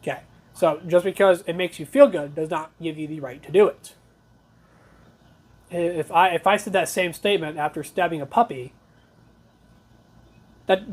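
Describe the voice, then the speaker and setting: A talk show host giving blunt, conversational news commentary, reading reports aloud with opinionated asides. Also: mid-range voice.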